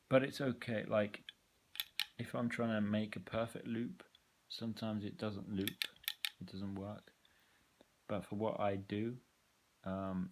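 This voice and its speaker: A man casually walking through his effects pedals, rambling with frequent ums and blunt opinions. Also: on the low side. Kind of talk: casual gear walkthrough.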